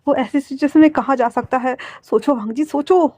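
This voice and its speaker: A woman voicing a calm young man who urgently and gently pleads with his upset partner in a fan fiction story. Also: high voice, brisk, no room sound. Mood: soothing. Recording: dull lo-fi audio.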